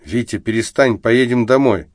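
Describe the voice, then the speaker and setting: A man's voice: medium pitch, normal speed, no echo, clean studio sound, natural voice. A man voicing a sober friend who speaks plainly and soothingly, sometimes barking orders. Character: steady sober male friend, calming and firm.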